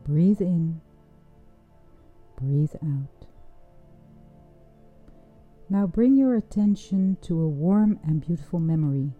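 A woman leading a guided breathing meditation in a soft, soothing, unhurried voice with long pauses. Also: low voice, animated. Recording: dull, muffled sound with music underneath. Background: music.

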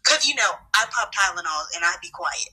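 Teen girl co-host, sassy and teasing, bright breathy voice. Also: fairly low pitch, animated, poor audio. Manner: teasing, sassy, quick comebacks. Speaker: podcast co-host. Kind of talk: casual chat.

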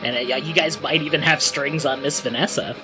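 A man's voice: on the high side, fairly even intonation, brisk, low-quality recording. Man running a tabletop game over music. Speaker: game master. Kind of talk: narrating a tabletop game, casual. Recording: music playing behind the voice. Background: background music.

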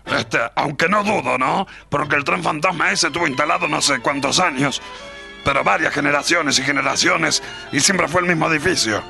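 An actor playing a folksy old grandfather with a creaky voice and a Uruguayan accent, for comedy radio. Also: fairly high pitch, moderate pace, soft background music, full character voice. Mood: reflective. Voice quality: heavily creaky, sharp. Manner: folksy, familiar.

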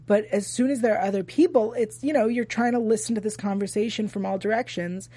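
A woman's voice: mid-range voice, quick pace, mellow, breathy edge, dry recording. A woman hosting a casual TV after-show, chatting emphatically and repeating her points for effect. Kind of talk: casual TV recap chat.

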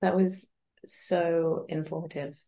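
Effusive, lower-pitched woman interviewer. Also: steady tone, slow, mellow. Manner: effusive, informal. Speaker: interviewer, host. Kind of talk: casual chatty interview.

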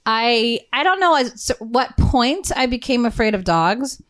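A woman hosting a family podcast, telling a childhood story in an animated way and laughing often. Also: a little high, a little slow. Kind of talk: casual family chat.

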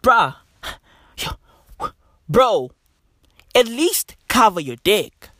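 Slow-drawling frat-bro guy vlogging. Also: high voice, dry recording, studio quality. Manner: frat-bro slang, swearing, calling the listener bro and bruv; animated, repeats catchphrases with drawn-out emphasis. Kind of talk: casual vlog monologue. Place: inside a car.

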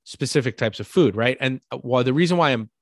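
A man with a New York accent talks through ideas in a relaxed, conversational way. He builds his points from everyday examples and keeps asking "right?" to check in. The sound is dry, with no room echo. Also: medium pitch, quick pace. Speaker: podcast co-host. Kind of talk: casual conversational explaining.

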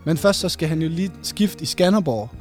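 A man co-hosting a casual chat, telling an animated story with plenty of laughs. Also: on the high side, soft background music. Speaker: podcast co-host.

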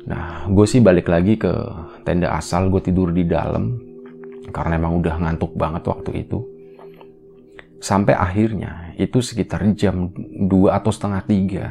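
A man casually retelling a horror story as a podcast storyteller, in a relaxed, rambling, conversational way. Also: sits low, moderate pace, vocal fry, long pauses, music in the background.

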